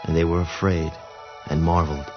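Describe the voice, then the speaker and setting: A man narrating scripture in a steady, even storytelling way. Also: deep voice, a little fast. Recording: dull lo-fi audio with music behind.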